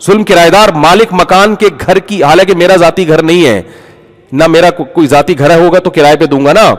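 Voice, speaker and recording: A man delivers a conversational sermon, slipping into the voices of the people in his stories. His voice sits a little high for a man. The sound rings with the long reverb of a large hall. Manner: animated storyteller, acts out the people in his stories. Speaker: Islamic preacher.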